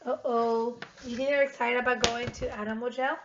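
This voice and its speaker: A high-pitched woman who sounds like a primary teacher reads aloud to young pupils, repeating her questions and calling the children her friends. Her pitch barely moves and her pace is moderate. It was recorded in a living room on a webcam about an arm's length away, so the sound is dull and muffled with clear noise.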